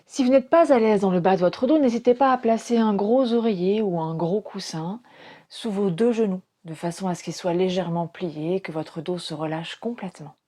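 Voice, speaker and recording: Speaking in a mid-range voice, a female yoga nidra teacher guides a relaxation meditation. She sounds calm and soothing, delivering short phrases separated by pauses.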